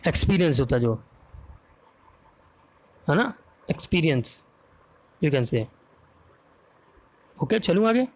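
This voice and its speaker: Indian man teaching vocabulary, slightly high voice. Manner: explains slowly, spells words letter by letter, asks "ok?" and "है ना?" often. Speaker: English grammar teacher. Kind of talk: exam-prep vocabulary lesson in Hindi with English words.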